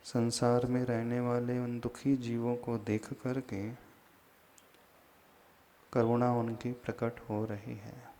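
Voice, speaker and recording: A man's voice: medium pitch, completely flat delivery, slow pace, long pauses, mellow. A man, a monk, leading a scripture class, chanting verses and patiently correcting his listeners' pronunciation. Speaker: Jain monk teaching scripture. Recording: long hall reverb.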